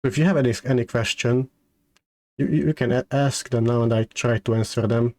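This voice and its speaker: A man streamer chatting casually on a livestream, halting and hesitant, often repeating his words. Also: medium pitch, steady tone, warm tone. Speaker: streamer hosting a debut stream.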